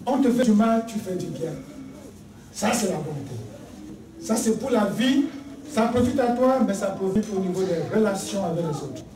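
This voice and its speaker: Preacher in a church, teaching point by point, goes soft on key words, echoey room, mic kinda far off. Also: mid-range voice, expressive, normal speed, a crowd in the background. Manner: addresses listeners as beloved, teaching in numbered points. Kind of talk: sermon. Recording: echoey room, voice heard from a distance.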